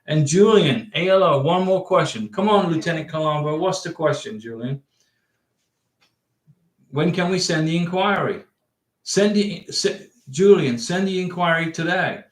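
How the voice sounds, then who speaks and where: A man's voice: fairly high pitch, lively intonation, a little slow. A man hosting a casual livestream, reading viewer questions aloud and answering in a chatty, rambling way. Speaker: livestream host giving immigration advice. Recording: echoey room.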